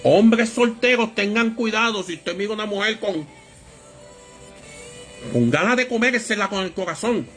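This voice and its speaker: A man preaching a Bible study sermon, with a lively storytelling manner that acts out voices in anecdotes. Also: high voice, moderate pace, long pauses, faint music behind.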